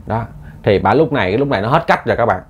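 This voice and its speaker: A man's voice: on the low side, animated, racing, highs cut off, slight background noise. A man telling a ghost story in a folksy, repetitive way, often addressing his listeners.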